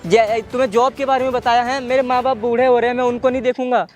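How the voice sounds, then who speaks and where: A desperate young husband, broke and exasperated, pleads with his wife, stammering over his words, as a man plays him. His voice is high and he talks fast, with faint music in the background. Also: flat delivery. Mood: pleading. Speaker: husband in a skit.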